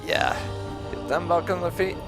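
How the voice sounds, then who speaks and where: Over loud music, a let's play host rambles informally through his gameplay commentary, occasionally swearing. His voice sits on the high side with vocal fry, swooping wildly in pitch at a normal speed.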